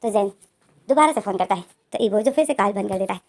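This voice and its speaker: A woman's voice: mid-range voice, expressive, fast talker, vocal fry, a little mellow. Chatty woman narrating a story. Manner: chatty, repetitive linking words. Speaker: story explainer.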